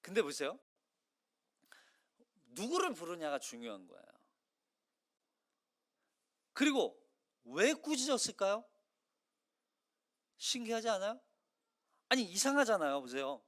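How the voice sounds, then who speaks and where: A male pastor giving a Sunday sermon in a conversational, animated way, acting out the voices of the crowd. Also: sits high, measured pace, long pauses. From South Korea.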